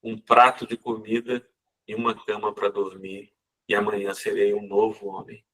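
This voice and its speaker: A man's voice: lowish voice, flat delivery, normal speed, fairly bright tone, pitched below the performer's own voice, poor audio. A man voicing a desperate homeless ex-convict, pleading in a raised, strained voice. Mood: doubtful.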